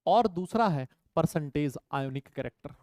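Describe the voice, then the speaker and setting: A man's voice: fairly high pitch, lively intonation, moderate pace, a little mellow, no room sound, studio quality. A man teaching a chemistry lecture, emphatic, repeating key points and checking in with his students. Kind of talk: online lecture.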